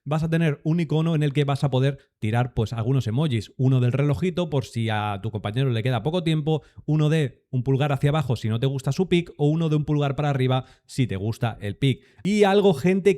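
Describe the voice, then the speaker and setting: A man's voice: a little high, dark tone. A young man with a Spain Spanish accent, giving an upbeat rundown of a game update and addressing his viewers. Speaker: gaming content creator.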